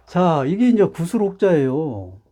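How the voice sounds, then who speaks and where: A man's voice: on the high side, sing-song, a little slow, dark tone. A man giving a character lesson, explaining patiently and repeating himself often. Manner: explains patiently with many repetitions. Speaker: Hanja teacher. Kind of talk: lively lecture explaining Chinese characters.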